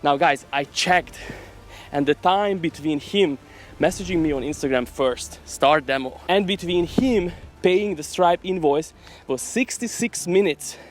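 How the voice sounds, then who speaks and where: A man's voice: sits high, a little slow. A man talking casually to camera in a vlog while walking outdoors, in an upbeat, salesy, chatty way. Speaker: vlogger.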